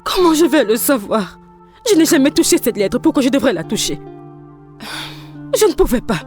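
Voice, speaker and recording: Tega, an emotional, jilted young woman who pleads and cries out. Her voice sits high, with soft music under it, in a French film dub. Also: very animated, moderate pace. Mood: bitter. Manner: pleading, emotional, often crying out. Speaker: lead actress in a film dub.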